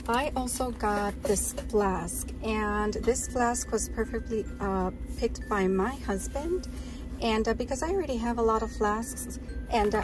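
A woman's voice: medium pitch, background noise. A woman talking chattily and with enthusiasm as she shows off her purchases in a casual vlog, recorded while sitting on her bed. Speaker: vlogger.

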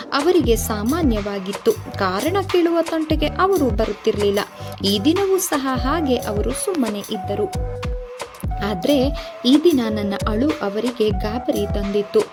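A woman reading a novel aloud in the first person, expressive and shifting her voice for quoted lines. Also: a little high. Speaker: storyteller. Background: background music.

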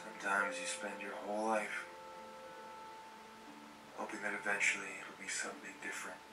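Film trailer, actor doing a smooth, calm, brooding young man; low, flat delivery, far off over loud music. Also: reverberant, lightly acted. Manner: calm, collected, measured delivery. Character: guarded troubled young man, brooding lover.

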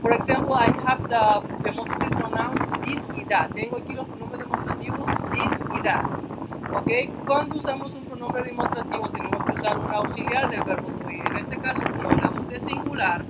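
High-voiced bilingual teacher over loud noise. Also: male voice, normal speed. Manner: explains in English then repeats in Spanish, frequent "ok?" checks, some restarts. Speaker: English teacher. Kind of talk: bilingual classroom lesson.

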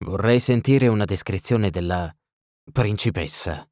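A cool-headed monster hunter, as a male narrator gives him voice, curt and unbothered. The voice is low and level, with short, calm questions. Dry, close recording. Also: measured pace, no room sound, close to an everyday voice. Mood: questioning.

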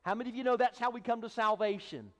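This pastor speaks fast in a very high voice, his words trailing off in a long reverb tail through the church sanctuary. Preaching with emphasis, he raises his voice to play the crowd as they hush one another.

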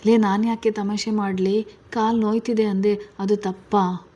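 A woman's voice: mid-range voice, flat delivery, measured pace, warm tone, close to an everyday voice. A woman voicing a fussy, teasing middle-aged father in a spoken family story.

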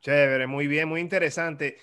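A man's voice: fairly high pitch, fairly even intonation, moderate pace, a bit bright, clear, resonant tone. A young man with a Dominican accent hosting a casual video-call interview, joking and teasing his guest in slangy talk. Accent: Dominican Spanish. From Dominican Republic. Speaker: interview host. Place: small room indoors.

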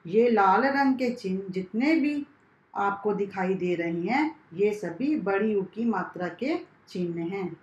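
Slow, careful woman teacher in an echoey room. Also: medium pitch, lively intonation, highs cut off. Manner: slow, carefully spelled-out classroom instruction. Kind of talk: primary school lesson.

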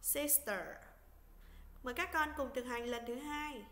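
A woman teaching English to young children, in a slow, patient lesson voice, breaking words into syllables in a sing-song way. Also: high voice, fairly even intonation, a bit bright, big-room sound.

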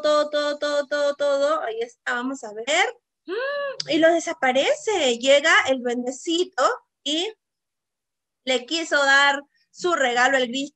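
A woman with a high voice talks viewers through a software lesson. She is lively and keeps asking rhetorical questions to check they are following along. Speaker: teacher. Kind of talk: screen-recorded software tutorial.

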